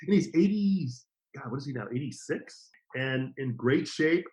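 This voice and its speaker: A middle-aged man, a guest on a podcast, telling stories about his career in a casual, lively way and acting out the quotes. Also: medium pitch, normal speed, low-quality recording. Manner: lively anecdotes with acted-out quotes. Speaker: podcast guest, TV formats distributor. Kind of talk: casual interview storytelling.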